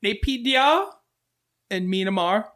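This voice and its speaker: A man co-hosting a podcast, talking in a casual chat. His voice sits high and bright, and it swings widely as he laughs often and jokes along. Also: slow. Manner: laughs often, lively and animated. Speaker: podcast co-host.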